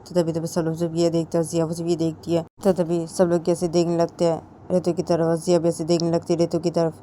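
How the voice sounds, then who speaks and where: A woman's voice: lowish voice, completely flat delivery, fairly quick, dark tone, slight background noise. A woman narrating a romance story in a plain, repetitive storytelling way.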